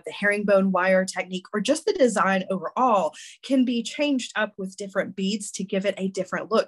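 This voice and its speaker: A congested woman with a medium-pitched, slightly weak voice teaches a craft class. She gives casual step-by-step instruction in a friendly, chatty way, with frequent ums and restarts.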